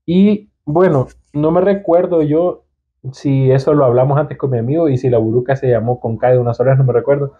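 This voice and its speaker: This young Salvadoran man, a guest entrepreneur on a podcast, talks casually and briskly in a husky, medium-pitched voice with a Salvadoran accent, hesitating and restarting. His sound comes across tinny, as if over a phone.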